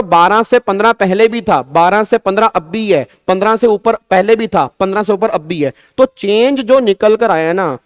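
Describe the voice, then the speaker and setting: A man's voice: high-pitched, smooth, no room sound. A man with an Indian accent giving an online exam-prep tax lecture, coaxing students and repeating his questions, mixing Hindi with English terms. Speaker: tax teacher.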